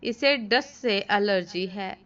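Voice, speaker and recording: A woman's voice: medium pitch, slow pace, a bit bright. A woman voicing a thrifty middle-aged wife who haggles firmly over a price, in a storybook reading. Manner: bargaining, firm. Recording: dull lo-fi recording.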